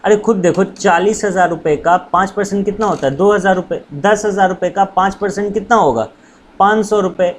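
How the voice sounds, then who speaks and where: Playful high-voiced male teacher. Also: fairly quick, a little hiss or hum. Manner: playful, teasing, calls students "babu". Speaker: commerce teacher. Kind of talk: casual classroom lesson.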